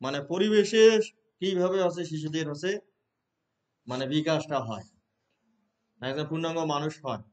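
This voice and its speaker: A Bangladeshi man teaching a class of trainee teachers, explaining terms, reading English definitions slowly and asking the room questions. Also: a little high. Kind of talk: classroom lecture.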